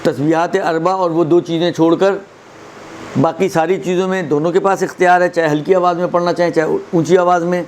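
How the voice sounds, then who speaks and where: A man teaching a religious lesson on prayer recitation, explaining step by step, slowly demonstrating verses and checking in with his listeners. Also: fairly high pitch, steady tone, darkish tone, slight background noise.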